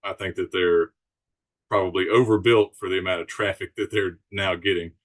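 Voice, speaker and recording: Low-voiced, easygoing man. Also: fairly even intonation, moderate pace. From Alabama Gulf Coast, United States. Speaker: podcast guest, charter sailboat captain. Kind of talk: casual chat, explaining.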